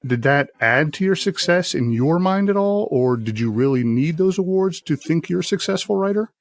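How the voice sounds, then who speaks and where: A man's voice: a little high, animated, moderate pace, no echo. Earnest man hosting a podcast. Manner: earnest, rambling questions with restarts. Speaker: podcast co-host. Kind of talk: casual interview.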